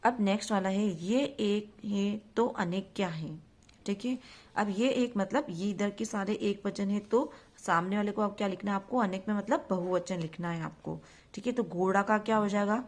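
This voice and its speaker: A woman's voice: medium pitch, normal speed. A woman teacher speaks in a patient, repetitive way to young pupils. She asks a question, waits a moment and answers it herself. English words are dropped into her throughout. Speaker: school teacher. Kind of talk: recorded online grammar lesson for young children.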